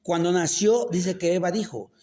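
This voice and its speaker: A man's voice: sits high, fairly even intonation, moderate pace, darkish tone. A man preaching a casual sermon. He keeps quizzing the congregation with rhetorical questions and makes joking asides. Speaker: pastor. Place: church.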